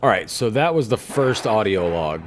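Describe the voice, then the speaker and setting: A man with a lowish, sing-song voice talks at a moderate pace over slight background noise. He narrates his own video game footage in a casual, laid-back way, swearing now and then.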